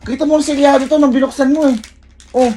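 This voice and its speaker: A man's voice: very high voice, little pitch movement, fast, dark tone, a little hiss or hum. A young man chatting casually in a couple vlog, laughing a lot and teasing while playing innocent. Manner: laughing, teasing and playfully defensive. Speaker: vlogger.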